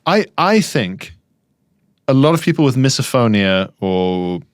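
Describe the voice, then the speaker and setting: A man co-hosting a comedy podcast, spinning his anecdotes with animated, exaggerated flair. His voice sits at an ordinary pitch for a man. It is recorded close and dry, with no room sound. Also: unhurried, clean tone, no room sound. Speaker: podcast co-host. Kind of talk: casual comedy chat.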